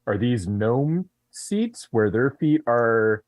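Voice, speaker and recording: A man's voice: mid-range voice, expressive, slow pace, a little mellow, no echo. A man playing a tabletop game, joking with the group in a wry, casual way. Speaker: player.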